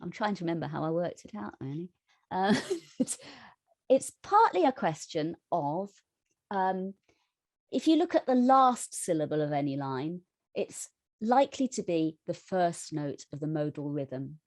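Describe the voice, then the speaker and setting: Low-voiced woman teaching a music workshop. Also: big pitch swings, moderate pace, dry recording, clean studio sound. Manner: thoughtful, self-correcting, with many restarts. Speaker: workshop tutor. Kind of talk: online music workshop explanation.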